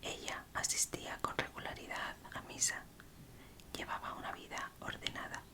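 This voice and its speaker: A woman with an accent from Spain reads true crime aloud as ASMR in a breathy, unvoiced whisper, softly and unhurried, in short phrases. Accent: Spanish, from Spain. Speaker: ASMR host reading aloud.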